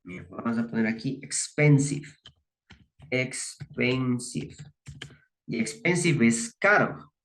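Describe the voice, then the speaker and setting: Slow, patient male English teacher. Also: medium pitch, sing-song, a bit bright. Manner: patient, explains step by step, asks "¿no?" and "¿ya?" for confirmation; reads English words slowly and clearly, then gives the Spanish meaning. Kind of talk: recorded grammar lesson.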